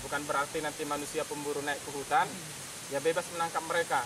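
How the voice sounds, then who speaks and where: High-voiced man guiding in a forest. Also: level tone, quick pace, background noise. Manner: explains casually, then shouts loud calls to the apes. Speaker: wildlife park guide. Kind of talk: outdoor explaining and animal calling. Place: outdoor forest park.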